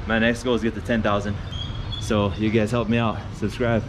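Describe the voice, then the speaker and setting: Here a man in his thirties, a vlogger, chats casually while touring city streets on foot, easily impressed and recording himself with an action camera at arm's length. His voice sits on the low side, level in tone and at a normal pace, over outdoor street noise and passing cars.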